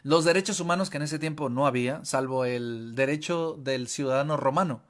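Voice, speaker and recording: A man's voice: mid-range voice, fairly quick. A man with a Mexican Spanish accent preaching a sermon as pastor, impassioned, repeating phrases for emphasis and often restarting them. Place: church.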